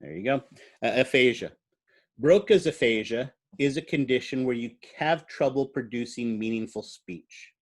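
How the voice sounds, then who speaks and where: A man's voice: medium pitch, animated, moderate pace. A man giving a biology lecture in a classroom. He explains at an easy, conversational pace, uses fillers like "uh," and puts questions to the students.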